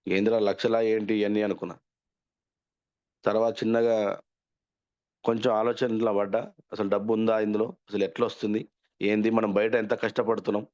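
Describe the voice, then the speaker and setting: A man's voice: on the low side, little pitch movement, a little fast, long pauses, darkish tone. A man telling his own success story in a chatty, rambling way, often correcting himself. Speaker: speaker sharing success story. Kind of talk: casual storytelling. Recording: dull lo-fi audio.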